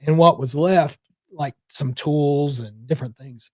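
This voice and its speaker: A man, a mayoral candidate answering interview questions in a calm, measured way. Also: a little high, no echo, studio quality.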